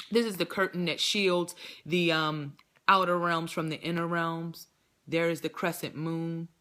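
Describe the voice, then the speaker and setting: A woman's voice: deep voice, fairly bright tone. A woman reading tarot cards to her viewers in a subdued, earnest, encouraging way, repeating key phrases. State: subdued, low energy. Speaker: tarot reader. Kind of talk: casual tarot reading to camera.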